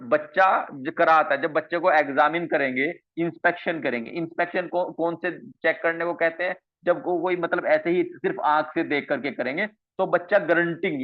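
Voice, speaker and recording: Man lecturing over tinny phone-like audio. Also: fairly high pitch. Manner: repeats key terms and asks rhetorical questions. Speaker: medical college teacher. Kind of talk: online coaching lecture.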